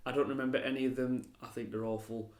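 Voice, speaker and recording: A man's voice: mid-range voice, steady tone, fast. A man co-hosting a podcast in casual chat, making dry, sarcastic quips. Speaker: podcast co-host. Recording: roomy echo.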